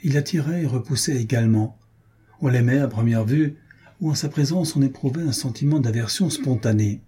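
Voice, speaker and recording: A man narrating a novel as an audiobook, in a measured, deliberate reading. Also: medium pitch, mellow, breathy edge.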